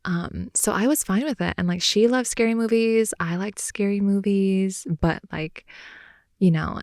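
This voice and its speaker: This ASMR audio performer speaks in a mid-range voice into a close, dry studio-style microphone. Playing an intimate girlfriend role, she improvises personal anecdotes in a casual, hesitant ramble packed with filler words.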